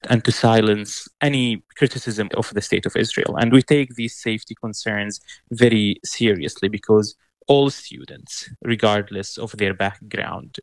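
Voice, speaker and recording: A young man from Syria, answering interview questions in an earnest, measured way with frequent restarts. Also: on the low side, creaky, no echo. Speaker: interview guest.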